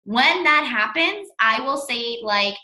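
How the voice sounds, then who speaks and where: A woman's voice: a little high, expressive, slow pace, pushed and bright. A woman giving a casual coaching talk as a fitness coach training her team, blunt and emphatic, repeating words for stress. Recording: echoey room.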